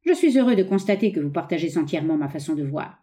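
A woman's voice: sits low, expressive, fast talker, dark tone. A woman doing a ruthless scheming young man.

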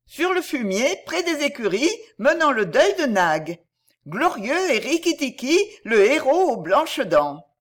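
A woman's voice: sits high, sing-song, a little slow, pitched above the performer's own voice, full character voice. A woman voicing a chirpy, simple-minded little male songbird who talks in a sing-song, boastful way in a storybook. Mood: eager.

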